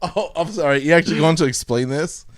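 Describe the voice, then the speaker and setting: A man's voice: fast, a little hiss or hum. A man co-hosting a casual podcast, teasing his friend and hamming up the text he reads aloud. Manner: teasing, hams up the reading with high squeaky quoted voices. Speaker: co-host reading aloud. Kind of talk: casual podcast banter, mock-dramatic reading.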